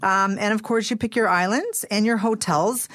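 A woman's voice: mid-range voice, moderate pace, fairly bright tone, no echo, clean studio sound. A woman talking casually as a tour company representative being interviewed on a radio show.

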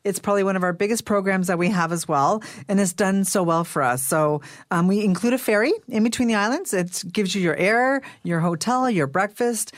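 A woman's voice: mid-range voice, a little fast, few pauses, no echo, studio quality. A woman talking casually as a tour company representative being interviewed on a radio show.

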